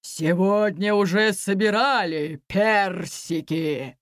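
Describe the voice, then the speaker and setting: A woman voicing a big gruff male dragon guarding a tree in a storybook reading, with a low, rumbling, drawn-out voice. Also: no room sound, studio quality, lightly acted.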